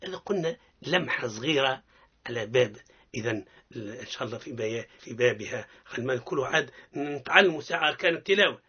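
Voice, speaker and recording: A man with a Tunisian accent teaching Quran recitation on the radio. He explains step by step and models sounds slowly for listeners to repeat. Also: mid-range voice, animated, pushed and bright, breathy edge. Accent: Tunisian Arabic. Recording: dull lo-fi radio recording.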